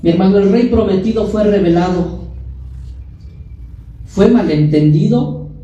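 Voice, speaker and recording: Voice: mid-range voice, measured pace, dark tone, dull audio. A preacher delivering a sermon, repeating key phrases and putting rhetorical questions to the congregation. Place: church sanctuary. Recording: echoey church hall, mic at a distance.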